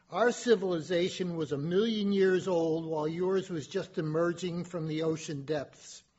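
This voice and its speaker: A man voicing a formal, aloof male Martian ambassador who speaks in a slow, measured way in an audio drama. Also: sits high, darkish tone, lo-fi sound.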